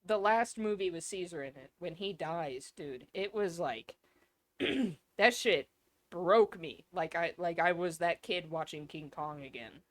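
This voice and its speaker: A woman co-hosting a casual podcast, rambling and excitable, swearing freely. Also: fairly low pitch, measured pace. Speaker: podcast co-host. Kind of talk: casual chat.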